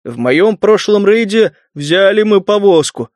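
Male reader doing a greedy mutant, slow savoring drawl, dry studio sound. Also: sits high, animated, darkish tone, no room sound. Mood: dreamy. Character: Nyukhach, a greedy male mutant dreaming of sweets.

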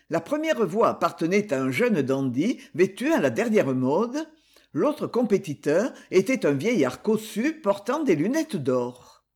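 A man with a husky voice reading an adventure novel aloud as an expressive, scripted narration. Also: high-pitched. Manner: expressive storytelling. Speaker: audiobook narrator.

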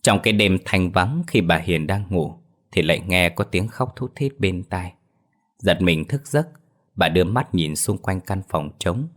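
A man narrating a horror story as storyteller in a slow, dramatic telling. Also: deep voice, lively intonation, fairly bright tone.

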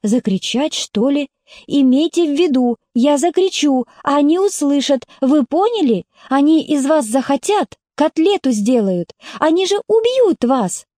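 A headstrong seventeen-year-old girl snaps and scolds in a raised, high voice, played by a woman reading an audiobook. The tone stays mellow rather than sharp. The sound is close and dry. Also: lively intonation, dry recording. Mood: furious. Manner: quick-tempered, shouting and scolding. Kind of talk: audiobook character voice.

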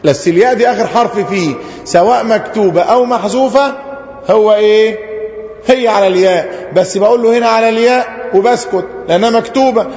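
In a roomy, lo-fi hall recording, a man with an Egyptian Arabic accent teaches a grammar lesson. His voice sits high with a darkish tone, and he keeps putting questions to the class, answering them himself and slowly drawing out example phrases.

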